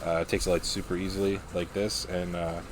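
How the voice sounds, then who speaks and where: A man with a very deep voice talks through a casual demonstration and review. He is measured and a little hesitant, thinking aloud as he goes. A clear rumbling noise sits behind his voice. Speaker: pipe tobacco reviewer. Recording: clear steady background noise, vehicle-like rumble.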